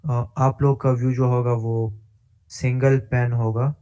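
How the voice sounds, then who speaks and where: A male instructor walking through a coding tutorial step by step, pausing with frequent hesitations and mixing English tech terms into his speech. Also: medium pitch, little pitch movement, mellow, clear, resonant tone. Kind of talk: screen-share coding tutorial.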